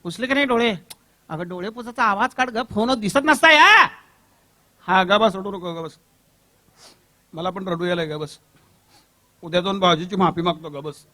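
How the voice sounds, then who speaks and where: Brash lad on a phone call, high and bright, blunt and exasperated, played by a male mimic. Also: lively intonation, brisk, heavily acted. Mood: soothing. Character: brash Solapur boy scolding his sister on the phone.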